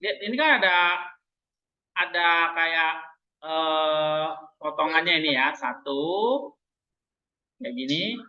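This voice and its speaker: A man's voice: on the high side, expressive, slow pace, pauses often. A man teaching a grammar lesson, quizzing his class with frequent "eh" fillers. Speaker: Greek language teacher. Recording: roomy, dull classroom recording.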